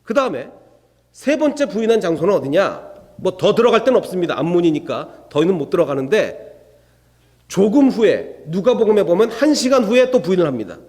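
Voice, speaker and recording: A man's voice: high voice, a little fast, in a large hall. A man preaching an expository sermon as a pastor, who asks his congregation rhetorical questions and acts out the people in the story. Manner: acts out the quoted speakers in a lively voice. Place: church sanctuary.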